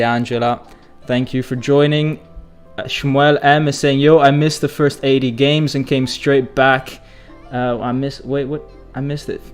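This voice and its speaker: Hoarse and losing his voice, a man with a mid-range voice hosts a live football fan stream, reading viewer comments aloud. His manner is chatty and excitable, as you'd expect from a football channel host.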